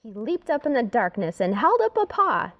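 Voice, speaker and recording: A woman reading a rhyming children's story aloud in an expressive, dramatic way, sometimes dropping to a hush. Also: fairly high pitch, normal speed, lo-fi sound.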